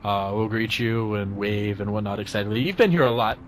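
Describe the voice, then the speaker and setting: A man narrating casually as game master, improvising hesitantly with lots of pauses. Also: on the low side, noisy background.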